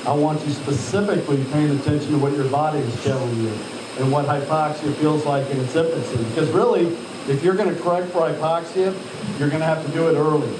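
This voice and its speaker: A man with a fairly high, steady voice speaks a little fast as an altitude chamber instructor, giving trainees live hands-on direction. He checks on them, quizzes them, and calls each one sir in a directive, questioning way. The recording is echoey, with a distant mic and a loud machinery hum.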